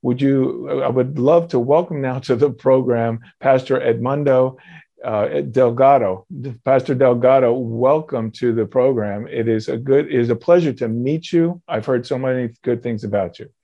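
Mellow-voiced male program host. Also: mid-range voice, normal speed, vocal fry, highs cut off. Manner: friendly, many fillers and restarts. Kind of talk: interview hosting.

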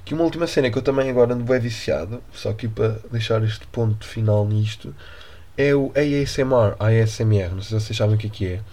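A man's voice: on the low side, fast talker, dark tone. A young man from Portugal with a European Portuguese accent, hosting a casual solo podcast in a rambling, slangy, joking way. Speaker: podcast host.

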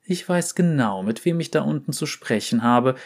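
Reading a dramatic story, a man with a mid-range, animated voice plays a cocky, violent woman enforcer. At an ordinary speed, he mocks, taunts and threatens with brash swagger.

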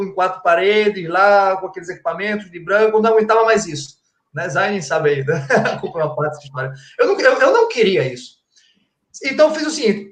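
In a roomy, echoing space, a didactic man whose voice sits high explains things conversationally. He is a guest forensic crime-scene expert from Pernambuco, Brazil, with a colloquial manner, rhetorical questions and frequent "tá?" check-ins.

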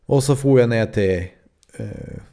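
Here the young Swedish podcaster talks at a medium pitch, his tone mellow, as he casually rambles through an anecdote stuffed with fillers and profanity.

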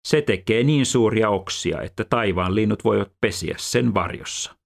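A man reading scripture aloud in a measured, even scripted delivery. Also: lowish voice, creaky. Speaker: scripture reader.

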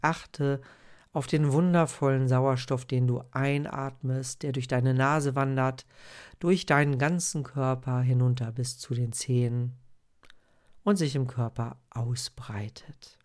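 A man speaking as a podcast host in the calm, instructive style of guided meditation and sleep-story narration, addressing a single listener. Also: mid-range voice, takes it slowly.

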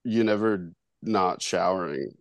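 Low-voiced laid-back podcast dude. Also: male voice, measured pace, no echo. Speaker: podcast co-host. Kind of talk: casual chat.

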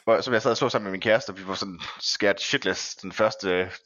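A man's voice: on the low side, fairly bright tone, no echo, lo-fi sound. A man speaking as a podcast guest in casual conversation, phrasing things with some hesitation and thought. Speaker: podcast guest, film and series reviewer.

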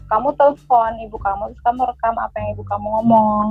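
A woman with a fairly high voice recounts her story in casual chat, slightly upset and quoting the other people. She comes through a tinny, phone-like line, with faint guitar music under her. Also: fairly even intonation, quick pace, slightly rough, no echo. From lives in Manado, not originally from there. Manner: chatty, aggrieved storytelling with quoted dialogue. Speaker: caller sharing her story.

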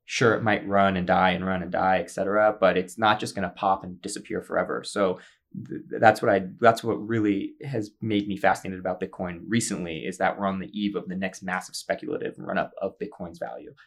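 A man's voice: sits low, steady tone, fairly quick. A man on a casual podcast, explaining eagerly with frequent fillers.

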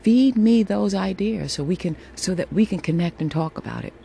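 A woman's voice: lowish voice, lively intonation, normal speed, gravelly, warm tone. A woman with a sultry voice hosting a casual solo podcast, speaking in a reassuring way with repeated phrases into a phone at home. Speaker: podcast host. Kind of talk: casual solo podcast monologue, encouraging check-in. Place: room at home with air conditioning running. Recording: air conditioner hum behind voice. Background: faint air conditioning noise.

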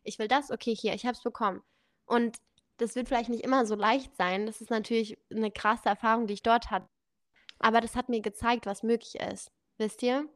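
A young adult woman casually telling a personal story as a podcast guest, lively and acting out the dialogue. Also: on the high side, moderate pace, no echo. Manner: lively, acts out quoted dialogue.

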